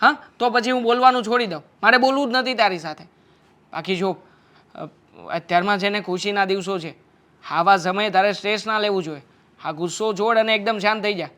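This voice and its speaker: A man's voice: high voice, brisk, bright, forceful tone. A young husband in a family drama film, easygoing and dismissive. He answers in a defensive, coaxing manner, brushing aside his wife's worries. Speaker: actor as the husband. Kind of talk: Gujarati short film acting.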